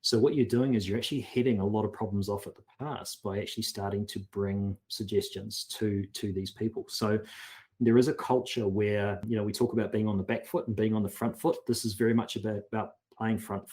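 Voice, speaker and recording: A man's voice: lowish voice, steady tone, a little fast, a little mellow. A man speaking as a consultant guest in a casual podcast interview, earnest and often repeating words as he restarts.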